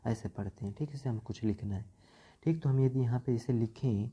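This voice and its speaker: A man's voice: medium pitch, dark tone, husky. A man teaching a grammar lesson, spelling words out syllable by syllable and checking in with "okay" after almost every point. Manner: slow, repeats syllables and checks "ठीक" often. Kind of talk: Hindi grammar lesson at a board. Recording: dull lo-fi sound.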